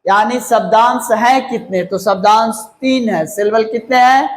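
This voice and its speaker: In an echoey room, a man with a high-pitched voice teaches a grammar lesson to a class. He speaks slowly, repeats key words and spells them out letter by letter. He keeps checking comprehension, asking "clear?"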